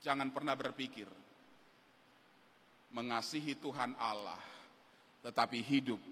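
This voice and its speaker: A man's voice: medium pitch, fairly bright tone, breathy edge. A man preaching an impassioned sermon to a church congregation, building to emphatic outbursts. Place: church hall. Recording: echoey church hall.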